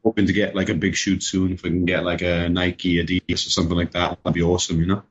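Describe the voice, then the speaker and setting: Low, flat Welsh man on a call. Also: fast talker, slightly rough, dull audio. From Wales. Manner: laid-back, hesitant with many fillers. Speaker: guest. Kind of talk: casual chat. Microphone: video call.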